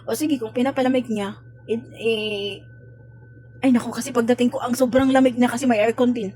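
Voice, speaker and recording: Exasperated Filipina vlogger ranting. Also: female voice, on the high side, brisk, slight background noise. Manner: exasperated, complaining, animated retelling. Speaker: domestic worker vlogger. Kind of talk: casual vlog rant.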